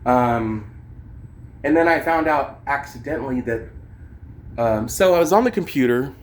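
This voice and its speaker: Speaking at a measured pace with lively intonation, this man has a mid-range voice and some faint background noise behind him. He's an amateur songwriter and vlogger chatting loosely to camera, tossing in slang and curse words while he shows off gear.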